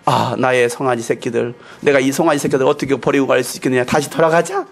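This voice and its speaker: A man voicing a devoted mother cow who talks to herself in a low, hushed, solemn tone. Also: lively intonation, fast talker, gravelly. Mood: torn.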